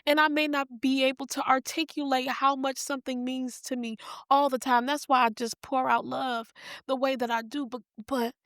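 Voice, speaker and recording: A woman's voice: sits high, flat delivery, normal speed, fairly bright tone, clear, resonant tone, no echo, studio quality. A woman hosting a podcast, talking in a heartfelt, affectionate, folksy way. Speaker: podcast host. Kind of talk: heartfelt casual chat.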